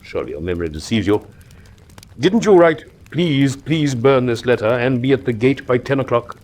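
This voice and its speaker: A man's voice: medium pitch, expressive, normal speed, a little mellow, close to an everyday voice. A man playing a courteous, persistent English doctor turned investigator in a classic radio drama. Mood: polite but insistent. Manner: polite, probing, formal.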